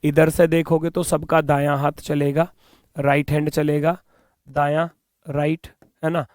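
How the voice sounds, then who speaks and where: A man teaching reasoning in an online exam-prep class, brisk and coaxing, sometimes scolding students playfully, speaking English with an Indian accent. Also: fairly high pitch, level tone, a little mellow, no echo, studio quality.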